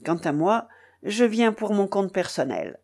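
A woman reading an audiobook and voicing a proud, excitable young man who explains himself eagerly and defensively. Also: mid-range voice, unhurried. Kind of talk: audiobook character voice.

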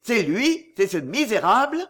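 A despairing middle-aged cashier who speaks in a choked, stubborn voice, as a male audiobook reader puts him on. The voice sits high and moves widely in pitch. He sounds like a broken man facing ruin. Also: big pitch swings, a little slow, a bit bright, exaggerated voice. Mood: bitter. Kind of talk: audiobook character reading.

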